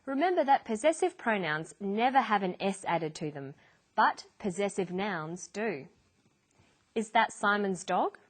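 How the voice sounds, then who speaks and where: Slow, deliberate woman teaching English. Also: medium pitch. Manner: clear, deliberate teaching delivery. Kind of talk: scripted educational narration.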